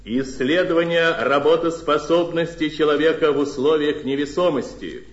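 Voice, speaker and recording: A solemn, stately man makes a formal state radio announcement. His voice sits fairly high for a man and moves at a slow, deliberate pace. It comes through an echoey archival Soviet broadcast. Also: dull audio. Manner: solemn, stately, measured proclamation.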